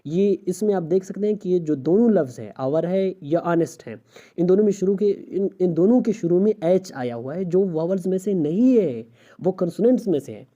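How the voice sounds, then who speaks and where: A man's voice: high-pitched, animated, warm tone, lo-fi sound. A male English teacher giving a recorded grammar lesson, explaining step by step and asking rhetorical questions of his student.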